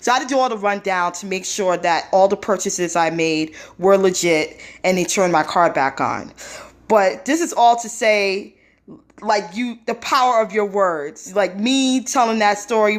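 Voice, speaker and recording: A woman hosting a casual phone live stream, telling a personal story in a talkative way with many fillers. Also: medium pitch.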